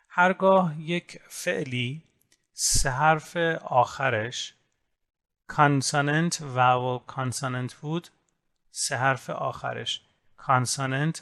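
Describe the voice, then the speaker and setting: A man teaching an English grammar lesson, explaining rules step by step and saying English example words slowly. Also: medium pitch, fairly bright tone. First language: Persian. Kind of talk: recorded grammar lesson in Persian.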